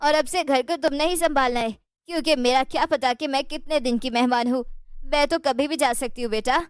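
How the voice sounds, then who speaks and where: A woman voicing a weary, gentle elderly mother-in-law in a cartoon story, speaking in a soft, pleading way. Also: sits high, brisk, no room sound, clean studio sound, close to an everyday voice.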